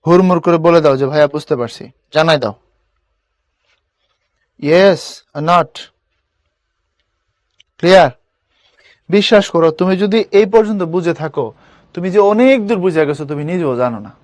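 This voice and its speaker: A man's voice: on the high side, measured pace, long pauses, dry recording. A young man teaching an online spelling class, casual and coaxing, often checking whether students understand. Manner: colloquial, coaxing, keeps asking students if it is clear.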